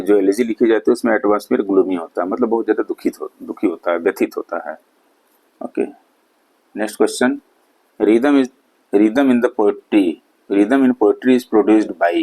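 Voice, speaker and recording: A man teaching literature, reading exam questions slowly and then explaining each answer in quick Hindi asides. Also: lowish voice, darkish tone, rough recording. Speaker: English literature lecturer. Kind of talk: exam-prep lecture in Hindi-English mix.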